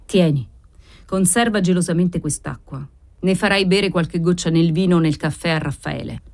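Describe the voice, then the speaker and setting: A woman's voice: fairly low pitch, lively intonation, moderate pace, mellow. A woman reader voicing a solemn old Neapolitan woman sorceress who speaks in grave, incantatory tones. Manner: solemn, incantatory, preaching faith in God.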